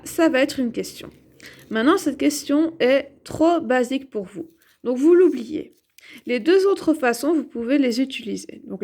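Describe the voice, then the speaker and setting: Woman, bright high voice, patient classroom explainer, repeats key points, talks through each step. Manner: slow, clear, repetitive explanation with questions to herself. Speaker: French teacher. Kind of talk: grammar lesson at a whiteboard.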